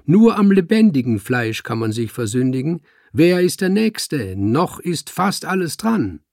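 A man reading a story aloud, voicing a commanding male dissection master with a loud, theatrical manner. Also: medium pitch, big pitch swings, a little slow, husky, no room sound, clean studio sound, exaggerated voice.

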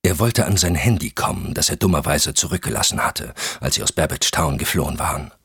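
A man narrating a thriller audiobook in a measured, suspenseful reading. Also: very deep voice, lively intonation, fairly bright tone, husky, no echo.

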